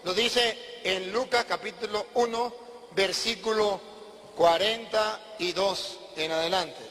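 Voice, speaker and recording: Man preaching, emphatic, quizzes and answers himself, very high forceful voice, reverberant hall. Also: fairly even intonation, slow pace. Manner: emphatic, asks questions and answers them himself. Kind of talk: sermon.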